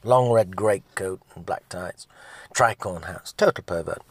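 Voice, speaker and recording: A man's voice: low voice, unhurried. A man playing a theatrical older Englishman who gossips indignantly, drawling his darlings. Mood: gossiping.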